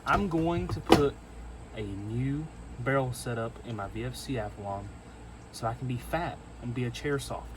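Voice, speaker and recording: A man's voice: mid-range voice, background noise. A man hosting an airsoft video, out of breath and joking to camera outdoors in the heat, with a playful, self-mocking delivery. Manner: playful, self-mocking, drawn-out comic pauses. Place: outdoors in hot weather.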